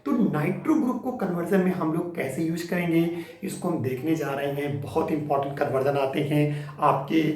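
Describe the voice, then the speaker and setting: A man's voice: a little high, moderate pace, a little mellow, distant mic. A man teaching chemistry in a classroom lecture, working through a reaction step by step, often asking rhetorical questions and calling students "beta". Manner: explains step by step, calls students 'beta'; checks understanding with rhetorical questions. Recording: echoey room, mic set back, faint ambience.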